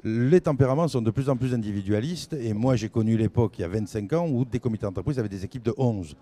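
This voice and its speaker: Older guy interviewing at a fair stand, quick and warm, handheld mic. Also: mid-range voice. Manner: brisk, enthusiastic questions. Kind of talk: casual interview. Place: trade fair stand, indoors.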